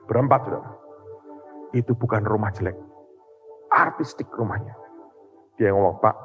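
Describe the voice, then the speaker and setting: A man, preaching a sermon as a pastor, telling a testimony with animated storytelling that rises to loud emotional peaks. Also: mid-range voice. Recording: dull reverberant church hall recording with faint music.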